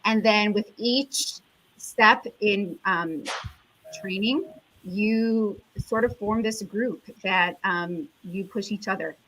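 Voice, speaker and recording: Bright-voiced woman doctor being interviewed. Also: mid-range voice, slow, low-quality recording. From United States. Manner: earnest, reflective, with frequent fillers. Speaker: endocrinologist guest. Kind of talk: conversational interview answer.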